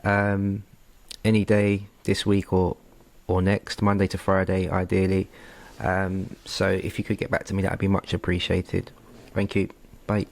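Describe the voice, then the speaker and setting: A man's voice: low-pitched, monotone, unhurried, gravelly, darkish tone. Man leaving a casual voicemail. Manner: casual and friendly, with frequent "um" hesitations. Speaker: rent-to-rent property business owner.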